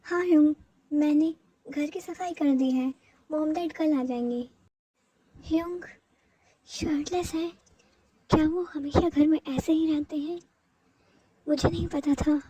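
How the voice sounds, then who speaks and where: A woman's voice: high voice, steady tone, measured pace, long pauses, warm tone, dry recording. A woman voicing a timid, innocent young male student who pleads and frets in a story read aloud. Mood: shy. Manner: pleading, frightened.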